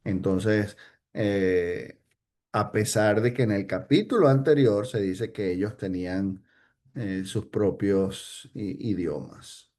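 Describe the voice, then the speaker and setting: A man's voice: on the low side, slow pace, a little mellow. A man teaching an informal Bible study, hesitant, with many fillers and restarts, often checking in with "ok?".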